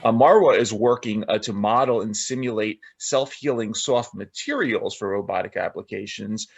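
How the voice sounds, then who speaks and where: A man's voice: on the low side, moderate pace, vocal fry, breathy edge, no room sound. A man hosting an interview podcast, introducing a guest with many filler uhs. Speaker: podcast host.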